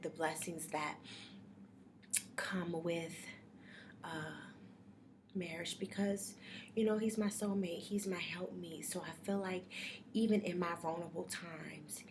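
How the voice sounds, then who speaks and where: Soft-spoken, low-voiced young woman thinking aloud. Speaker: vlogger sharing personal reflections. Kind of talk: casual confessional talk. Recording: steady background noise.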